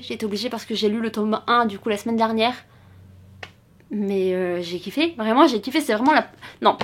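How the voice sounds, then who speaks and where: A woman from France chatting casually in a book haul vlog, gushing with frequent exclamations and restarts. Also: fairly high pitch. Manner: gushing, exclaims often, many fillers and restarts. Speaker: booktuber vlogging a book haul. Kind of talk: casual chat.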